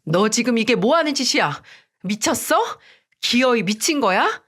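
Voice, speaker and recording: A woman's voice: on the high side, lively intonation, moderate pace, fairly bright tone, husky. A woman doing a bitter, furious injured husband. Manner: bitter and indignant. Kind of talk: Korean radio story drama.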